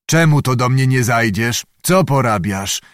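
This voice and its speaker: A man voicing a drunken, quarrelsome nobleman who mocks and shouts in a storybook reading. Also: mid-range voice, expressive, unhurried, no room sound, clean studio sound, close to an everyday voice. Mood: drunken mocking. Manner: loud, mocking, belligerent.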